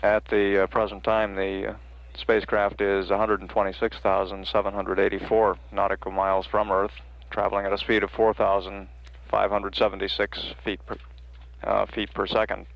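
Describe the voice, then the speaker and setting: Low, gravelly man announcing. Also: completely flat delivery. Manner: measured, hesitant official delivery. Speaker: mission control public affairs announcer. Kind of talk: halting factual status report. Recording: dull archival broadcast feed.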